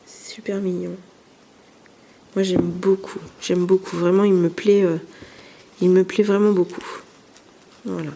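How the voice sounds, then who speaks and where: A woman's voice: on the low side, little pitch movement, unhurried, creaky, pauses often, slight background noise. A woman talking casually through a scrapbooking show-and-tell, hesitant with many fillers and restarts, sometimes dropping to near whispers. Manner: soft-spoken, drops to near whispers. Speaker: scrapbooking YouTuber.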